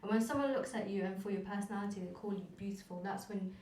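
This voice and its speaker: A woman's voice: medium pitch, fast talker, a little mellow, a little hiss or hum. A woman in casual radio conversation, reflecting earnestly and personally. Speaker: radio show guest. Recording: roomy, distant from mic.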